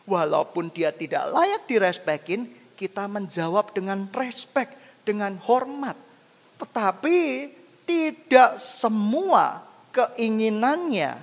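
A man preaching a sermon to a congregation, animated and full of rhetorical questions. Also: high voice, big-room sound. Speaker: pastor.

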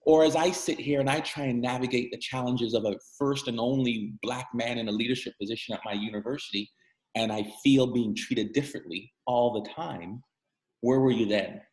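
A man's voice: mid-range voice, moderate pace, darkish tone. A middle-aged man from Guyana, a guest speaking candidly and emphatically over a video call, his voice climbing sharply when he gets angry. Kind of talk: candid interview conversation. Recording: echoey room over a call.

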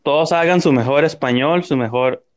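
A man's voice: on the high side, moderate pace. A man hosting a casual show in an easygoing manner, introducing listeners' audio messages. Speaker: host. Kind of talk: casual chat.

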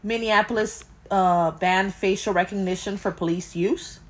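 A woman's voice: mid-range voice, steady tone, normal speed. Casual woman with a Miami accent. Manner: informal, slangy, swearing. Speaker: podcast co-host. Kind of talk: casual chat, reading and commenting on news items.

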